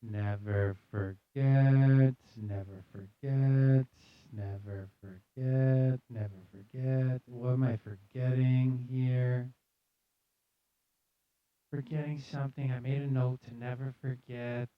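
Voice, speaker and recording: This male host of a live news commentary show speaks at a medium pitch, slowly and with fairly even intonation, joking through headlines in a sarcastic, mock-serious way. The audio is dull with no room sound, and music runs underneath.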